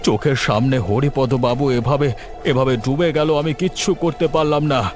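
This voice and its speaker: An actor playing a sensible, caring village gentleman with earnest delivery in a melodramatic audio story. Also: mid-range voice, moderate pace, lightly acted. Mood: alarmed, distraught.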